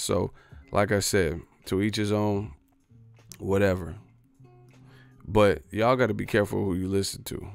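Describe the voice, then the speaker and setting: A boxing YouTuber rants on a livestream in a boastful, profane, streetwise manner, his lowish voice carrying vocal fry.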